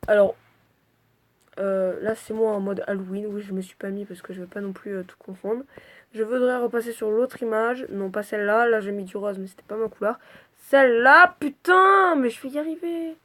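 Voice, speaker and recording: A woman's voice: medium pitch, normal speed, fairly bright tone. A woman talking casually through her drawings in a rambling vlog, swearing freely and sounding stuffy from a cold. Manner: chatty and scattered, swears freely. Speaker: vlogger presenting her character drawings.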